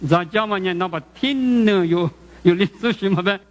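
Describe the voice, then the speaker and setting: A man delivers a sermon in a high voice, halting and repeating himself as he puts questions to the listeners. The sound is muffled and dull, with a long echo from a large hall. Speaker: preacher.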